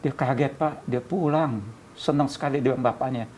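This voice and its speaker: A man's voice: medium pitch, steady tone, moderate pace, darkish tone, slight background noise. A man guest telling stories in casual chat, acting out the dialogue and laughing often.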